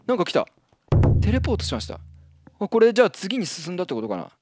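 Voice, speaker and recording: A man hosting a casual gameplay commentary, reacting out loud and yelping when startled. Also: sits high, fast talker, over music. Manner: excitable, yelps and laughs when startled. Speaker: Minecraft let's-play host.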